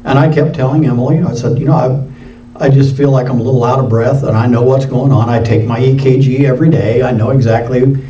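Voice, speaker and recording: Preacher in a roomy church, far from the mic. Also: male voice, steady tone, fast, a little hiss or hum. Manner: conversational preaching, swings from loud emphatic to low and quiet. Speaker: pastor. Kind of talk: sermon. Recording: roomy hall sound from a distance, dull lo-fi.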